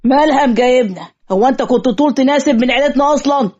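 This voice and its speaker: Brief: a woman doing a bargaining older cartoon father, fast, lo-fi. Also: high voice, a little mellow. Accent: Egyptian. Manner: haughty, bargaining. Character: proud older father of the bride, demanding. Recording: lo-fi muffled audio.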